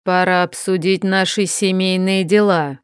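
A woman's voice: fairly low pitch, fairly even intonation, smooth, no echo, clean studio sound, lightly acted. Woman putting on an icy male mage villain. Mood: menacing. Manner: slow, icy, commanding. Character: cold menacing middle-aged male mage regent.

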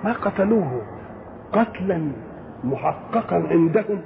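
A high-pitched, gravelly man with an Egyptian Arabic accent gives a religious lecture. He asks his own questions, then answers them, and recites verses slowly. The sound is tinny and phone-like, with a faint hiss. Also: lively intonation. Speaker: Quran commentator.

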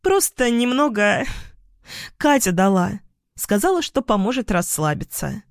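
Man voicing a shrill, unstable young woman. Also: very animated, unhurried, creaky, no echo, clean studio sound, heavily acted. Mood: giggly. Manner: shrill, screaming outbursts. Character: unstable, volatile young woman, clingy girlfriend. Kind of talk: audiobook character voice.

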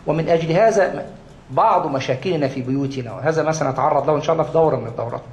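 A man's voice: on the high side, very fast, dull audio. A man with an Egyptian Arabic accent giving a religious lesson to a class, repeating key words for emphasis and answering his own questions. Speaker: Islamic studies lecturer. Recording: echoey room, faint background noise.

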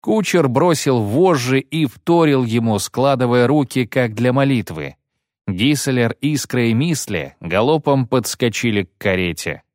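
Expressive male audiobook narrator. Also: medium pitch, a little slow, no echo, studio quality. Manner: expressive storytelling. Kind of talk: scripted narration.

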